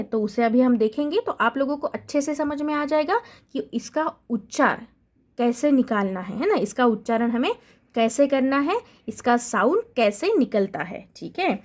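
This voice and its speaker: A young woman with an Indian accent, teaching a slow recorded Hindi lesson to young children with patient drawn-out syllable drills. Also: high voice, lively intonation, darkish tone. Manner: patient, drawn-out syllable drills, frequent "ठीक है?" check-ins. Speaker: primary school Hindi teacher.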